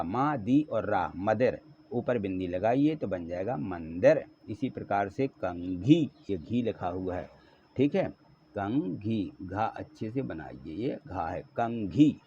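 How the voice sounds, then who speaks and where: A male teacher patiently explaining workbook exercises, repeating and spelling out words slowly for students. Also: medium pitch, darkish tone, dull audio.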